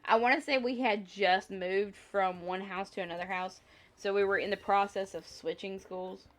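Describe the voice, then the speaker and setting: With music in the background, a livestream host talks casually to viewers at normal speed, her medium-pitched voice steady. She rambles and thinks out loud, sounding a little congested, with a lingering cough.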